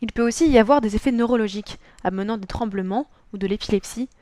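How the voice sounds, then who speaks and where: A woman's voice: mid-range voice, fast, darkish tone, no room sound. A teenage girl from France narrating a scripted school presentation, reading a prepared text carefully and evenly. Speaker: student presenter.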